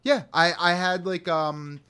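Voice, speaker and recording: A young man in casual podcast chat, blunt and animated, acting out quoted voices as he tells stories. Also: high voice, unhurried, clear, resonant tone. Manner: blunt, animated storyteller who acts out voices. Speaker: podcast co-host.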